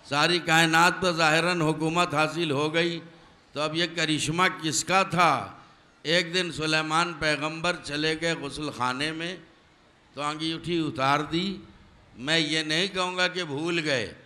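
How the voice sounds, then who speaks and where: Brief: male preacher delivering a sermon, forceful bright voice a touch high, keeps asking the crowd to pay attention. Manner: addresses audience directly, demanding attention; emphatic, rhetorical questions. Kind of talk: religious sermon.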